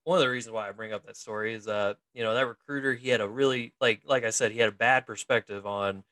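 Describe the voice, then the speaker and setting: A man in his thirties co-hosting a relaxed podcast, talking in a bright, forceful tone recorded dry and close. He laughs often and fills his talk with restarts and "you know"s. The voice sits a little low for a man. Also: fast, no echo. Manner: laughs often, chatty with many fillers and restarts. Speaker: co-host, military investigator in the reserves. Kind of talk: casual podcast chat.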